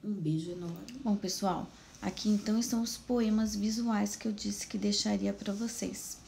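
Gentle Brazilian teacher in a roomy space. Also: female voice, medium pitch, fairly even intonation. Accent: Brazilian Portuguese. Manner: gentle, encouraging, speaks slowly and clearly to children. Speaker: primary school teacher. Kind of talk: remote video lesson for children. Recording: roomy, distant mic with faint ambient noise.

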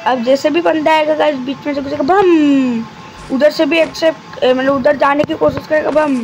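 A man giving live commentary over his mobile game, talking deliberately quiet and chatty, constantly addressing his viewers. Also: very high-pitched, slight background noise, rough recording. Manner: talks deliberately quiet and soft; chatty, keeps addressing viewers as guys and brother.

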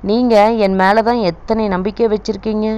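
A woman's voice: mid-range voice, fairly even intonation, normal speed, a little mellow, highs cut off, close to an everyday voice. A woman voicing a tearful, remorseful young wife in an audio novel, speaking in an emotional, pleading way.

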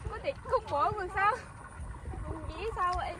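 A woman's voice: extremely high pitch, moderate pace. A woman voicing an indignant young woman who scolds a rich man and defends her poor lover, in a fan audio drama. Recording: very noisy homemade recording.

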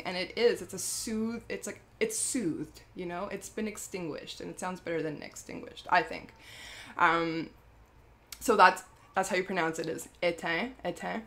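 A woman with a somewhat low voice chats casually about her skincare brand. She rambles and stops to correct herself, with plenty of fillers along the way. She often breaks into laughter in the middle of a sentence. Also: a bit bright, slight background noise. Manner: chatty and rambling, many fillers and self-corrections. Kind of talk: casual product vlog.

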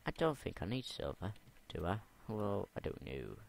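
Man muttering over a game, deep and gravelly. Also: big pitch swings, normal speed, slight background noise. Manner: rambling, self-talking, mutters and repeats words. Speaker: gamer. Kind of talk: game commentary.

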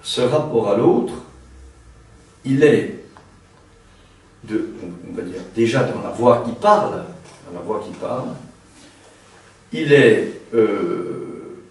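A man's voice: on the low side, animated, vocal fry, darkish tone. Man lecturing in a very echoey room. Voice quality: trained singer's voice, a tenor. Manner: halting, frequent restarts and tag "hein". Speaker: seminar lecturer. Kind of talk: spoken seminar lecture. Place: seminar room. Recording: very echoey room, mic far off.

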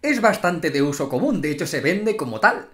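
A man's voice: fairly high pitch, very animated, normal speed, a bit bright. A man with a Spanish accent, a YouTuber delivering a sarcastic, theatrical comedic rant. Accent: Spain.

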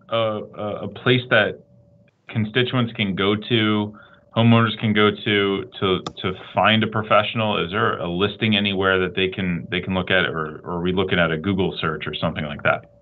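Man, town hall host, halting with restarts, lowish voice, tinny phone-like sound. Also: steady tone. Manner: halting, repeats words, many restarts. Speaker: state representative hosting a town hall. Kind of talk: virtual town hall moderation.

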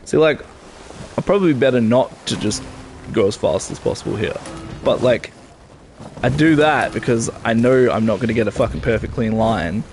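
A man's voice: medium pitch, normal speed, darkish tone, faint music behind. A man streaming a game, casually commenting, swearing and muttering to himself, congested and talking through his nose.

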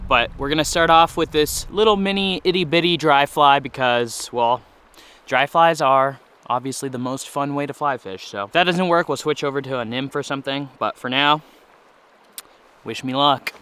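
Relaxed young man vlogging outdoors. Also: medium pitch, normal speed, clear, resonant tone. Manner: relaxed, chatty, self-deprecating. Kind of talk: casual outdoor vlog narration. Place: outdoors by a river in a forest. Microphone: action camera, handheld or chest-mounted.

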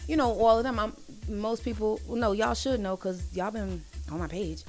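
A woman in her forties, a singer chatting in a casual live-stream interview, animated and quick to giggle. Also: mid-range voice, soft background music. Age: 40s. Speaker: singer guest.

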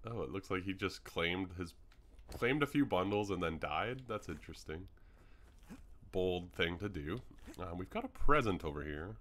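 A man's voice: deep voice, animated, moderate pace, fairly bright tone. A young man from Canada giving rambling, casual commentary on a game build tour, full of ums, his voice starting to go. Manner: rambling, chatty, many ums. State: hiccups, voice starting to go. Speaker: gaming YouTuber.

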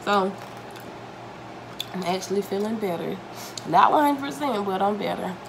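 Eating on camera in her dining room at home, a young female mukbang vlogger talks casually to her audience while a bit stuffed up from a cold. She has a medium-pitched, expressive voice with vocal fry and a moderate pace, captured by a table-distance camera mic amid audible room noise.

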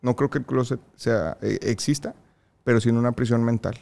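A young man with a Mexican accent, a podcast guest telling personal stories in a casual, lively way with frequent laughter. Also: medium pitch, a little fast, gravelly. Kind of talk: casual interview storytelling.

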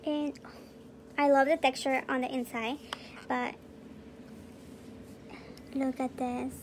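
A young woman with a high voice talks through a beauty unboxing at home, chatty and quick to gush over each product. The recording carries a faint hum of room ambience behind her. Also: flat delivery. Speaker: beauty vlogger. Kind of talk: casual unboxing review.

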